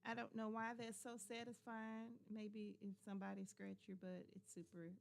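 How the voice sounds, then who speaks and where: Tired, gravelly-voiced woman chatting live. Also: medium pitch, little pitch movement, moderate pace. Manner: rambling, chatty, talks to viewers and her dog. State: tired, yawning. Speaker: livestream host. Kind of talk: casual livestream chat with viewers.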